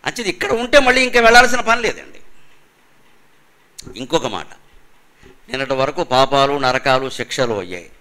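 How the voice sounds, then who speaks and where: An older man giving a spiritual lecture in a function hall, emphatic, asking rhetorical questions and chanting verses slowly. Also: mid-range voice, lively intonation, bright, forceful tone. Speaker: religious discourse speaker. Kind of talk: spiritual lecture to a live audience.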